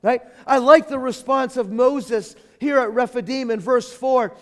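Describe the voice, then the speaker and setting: A pastor preaching a sermon in a church, emphatic, repeating key phrases and swinging from loud to hushed. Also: male voice, very high voice, measured pace. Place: church sanctuary. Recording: long hall reverb of a church.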